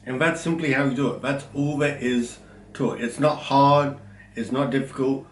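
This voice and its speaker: A man with a slight stutter walks through tips in an instructional vlog, speaking loudly and deliberately at a middle pitch. His voice sounds roomy and a little set back from the mic, with faint ambience underneath. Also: fairly even intonation, far from the mic, slight background noise. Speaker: content creator giving tips. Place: room at home with a window.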